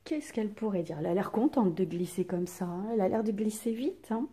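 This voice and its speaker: A woman teacher giving a recorded lesson to children, speaking with exaggerated rising and falling intonation and pausing for pupils' answers. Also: medium pitch, animated, dark tone, husky. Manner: slow, exaggerated intonation to demonstrate punctuation; asks pupils questions and leaves pauses for answers. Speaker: primary school teacher.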